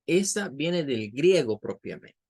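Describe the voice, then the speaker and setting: A man teaching English vocabulary to Spanish speakers, explaining slowly and patiently, spelling out words and repeating each syllable. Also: a little high, big pitch swings, vocal fry, darkish tone, breathy edge. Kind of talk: bilingual vocabulary lesson.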